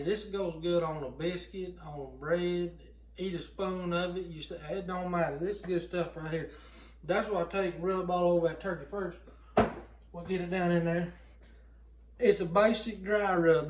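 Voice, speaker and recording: Middle-aged Southern US man, high-set voice, plainspoken casual how-to delivery, roomy home kitchen sound. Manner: folksy, plainspoken. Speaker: home cooking vlogger. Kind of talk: casual how-to chat to camera. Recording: roomy indoor home recording.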